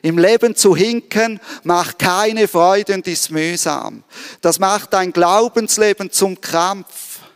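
Male preacher, high clear voice, slow, earnest sermon delivery with direct questions to the congregation. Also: big-room sound. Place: church service.

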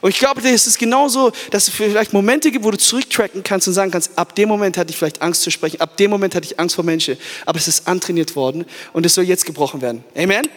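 High-voiced preacher in an echoing hall. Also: male voice, fast, few pauses. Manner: fervent preaching, asks the crowd "Amen?", mixes in English words. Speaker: youth pastor. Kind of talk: sermon. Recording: echoey church hall.

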